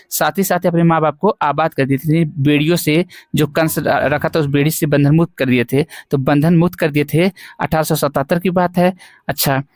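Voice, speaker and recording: A man's voice: on the high side, no room sound, clean studio sound. A male Hindi teacher giving an exam-prep lecture, explaining memory tricks with lots of repetition and quiz questions.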